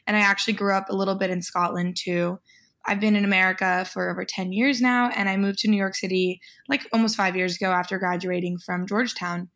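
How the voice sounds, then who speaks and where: A woman in her twenties co-hosting a podcast, talking in a measured, unhurried way. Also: mid-range voice, fairly even intonation, fairly bright tone. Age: 20s. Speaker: podcast co-host. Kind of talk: casual podcast chat.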